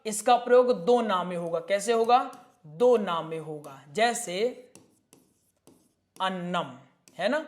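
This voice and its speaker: Man teaching sanskrit recitation, super slow, drags out syllables, keeps asking the viewers if they got it. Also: sits high. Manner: drawn-out, deliberate syllables, repeating rules and asking the viewers questions. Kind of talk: slow spoken lesson.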